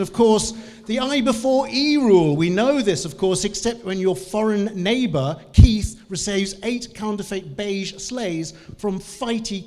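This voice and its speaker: A man's voice: sits high, darkish tone. A man with a New Zealand accent giving a live conference talk, chatty and joking, quizzing the audience. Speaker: conference speaker. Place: large conference hall with audience. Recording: long hall reverb.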